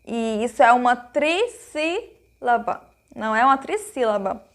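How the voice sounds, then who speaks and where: A Brazilian woman with a high, light voice gives a recorded grammar lesson to small children. She explains each point slowly and patiently, asks her pupils questions and answers them herself. She is affectionate and uses lots of diminutives. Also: big pitch swings, a bit bright. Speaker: primary school teacher.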